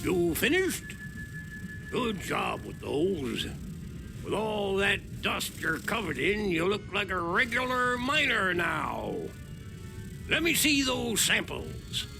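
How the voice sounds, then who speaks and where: A man's voice: high voice, big pitch swings, takes it slowly, creaky, heavily acted. A man playing a grumpy but helpful old prospector in a video game, with a folksy, rustic way of talking. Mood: approving. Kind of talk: video game character acting. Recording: music behind the voice.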